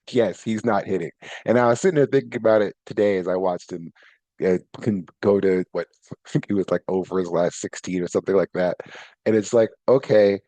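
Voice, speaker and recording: A man with a fairly low voice talks through his solo podcast in a loose, rambling way, circling back and correcting himself as he goes. His pitch jumps up when he gets excited. The sound is close and dry, with no room behind it. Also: no room sound. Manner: rambling, self-correcting, animated pitch swings. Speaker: podcast host. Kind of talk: casual solo podcast talk.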